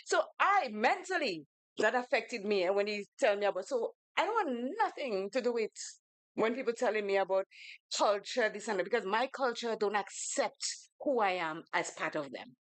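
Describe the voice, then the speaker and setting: Grenadian woman radio co-host, animated storyteller, dry close sound. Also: mid-range voice, normal speed, no room sound. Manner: animated storyteller, acts out quoted voices. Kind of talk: casual radio talk with storytelling. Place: radio studio.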